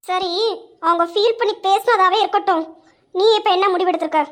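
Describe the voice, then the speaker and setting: [name], a woman voicing a hot-tempered young friend. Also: extremely high pitch. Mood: curt. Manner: quick-tempered, accusing. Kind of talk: amateur audio drama.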